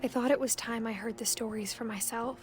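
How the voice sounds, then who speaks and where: An actress narrating as a young woman uncovering her family's secrets, speaking in a quiet, reflective way. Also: on the high side, fairly even intonation, a little fast, music in the background, close to an everyday voice. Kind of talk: game narration.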